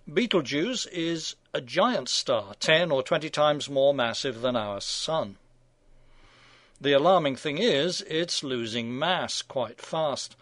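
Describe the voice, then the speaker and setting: A man's voice: on the high side, dry recording. A man in his sixties, hosting a scripted opinion commentary with dry, sardonic asides. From England. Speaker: radio commentary host.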